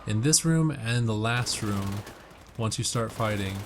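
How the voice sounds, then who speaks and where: This man's voice is lowish and animated, yet unhurried, as he casually walks through game tips step by step. His commentary is explanatory, with game music and gunfire in the background.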